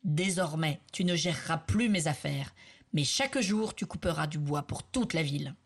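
A woman's voice: low-pitched, expressive, normal speed, slightly rough, full character voice. A woman voicing a just, kind king who poses as a peasant and then speaks firmly, in a storybook reading. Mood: stern commanding. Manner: hesitant when disguised, firm when revealed.

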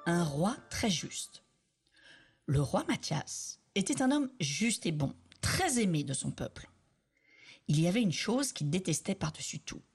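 A woman narrating a children's story with an expressive, animated reading. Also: lowish voice, measured pace, soft background music.

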